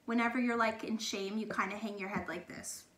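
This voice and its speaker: A woman teacher reads a children's storybook aloud, speaking directly to young children with expressive emphasis. Her mid-range voice is a bit bright and a little fast, with fairly even intonation, and the room sounds echoey with faint noise.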